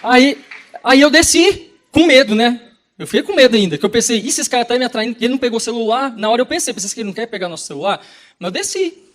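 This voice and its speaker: A man with a Brazilian Portuguese accent preaching a sermon, telling a personal story in an animated way and acting out the dialogue. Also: very high voice, very fast. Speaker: pastor.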